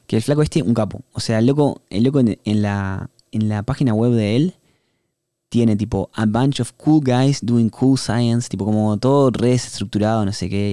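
Young male podcast host, Uruguayan accent, mellow tone, slangy rambling monologue. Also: lowish voice, dry recording, studio quality. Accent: Uruguayan Spanish. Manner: rambling, slangy, retells conversations. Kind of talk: casual behind-the-scenes monologue.

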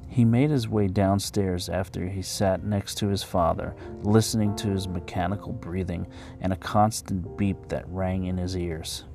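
A man narrating a story in a steady, even reading voice, over faint background music. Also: low-pitched, moderate pace, vocal fry.

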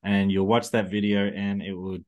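Guy hosting a podcast, lowish voice, casual chatty interview style. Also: level tone, moderate pace. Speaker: podcast host.

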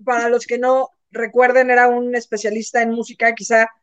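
A woman's voice: on the high side, a little fast, smooth. A Mexican woman hosting a casual gossip chat, telling stories with acted-out quotes and casual swearing. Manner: animated storyteller, acts out quotes, swears casually. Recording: slightly dull, lo-fi sound.

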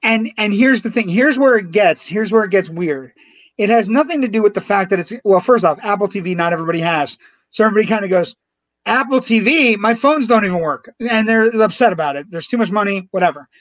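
A middle-aged man hosting a talk show, telling stories in an animated, emphatic way. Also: high-pitched, quick pace, no room sound. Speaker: radio show host. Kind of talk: casual talk show banter.

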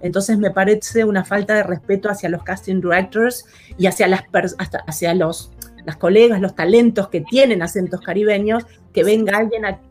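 A woman's voice: mid-range voice, fairly even intonation, normal speed, a little mellow, husky, faint music behind. Hesitant Argentine-born woman guest. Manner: thoughtful, many hesitations and fillers. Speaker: actress and interview guest. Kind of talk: casual interview chat.

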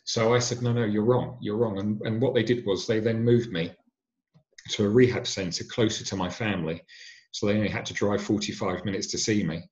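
Man, middle-aged, personal storytelling, earnest, halting, somewhat low voice, muffled lo-fi sound. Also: fairly even intonation, roomy sound. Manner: earnest, halting with fillers and restarts. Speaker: injury survivor telling his story. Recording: dull lo-fi sound.

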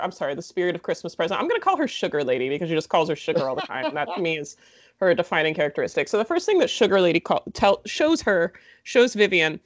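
Chatty, sarcastic woman with a lowish voice. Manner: chatty, sarcastic, many "like" fillers. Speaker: podcast host recapping a movie. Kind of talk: casual chat.

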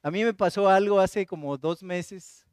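Animated Mexican pastor, high clear voice. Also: male voice, a little slow, no room sound, clean studio sound. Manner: animated storyteller who acts out voices in anecdotes, frequent rhetorical "¿no?". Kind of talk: conversational sermon with storytelling.

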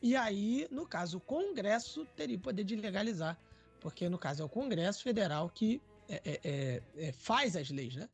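Man, Brazilian accent, podcast co-host, husky, hesitant, lots of fillers. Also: high voice, very animated, normal speed, soft background music. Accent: Brazilian Portuguese. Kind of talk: casual news discussion.

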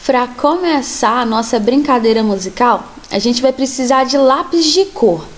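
A woman, a music teacher calmly explaining a children's musical game step by step. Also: sits high. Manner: slow, patient, clearly spelled-out instructions. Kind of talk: children's music lesson instructions.

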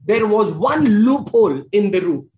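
A man's voice: high-pitched, sing-song, normal speed, darkish tone, rough recording. A man preaching a sermon as pastor, emphatic and repeating his key phrases with exclamations.

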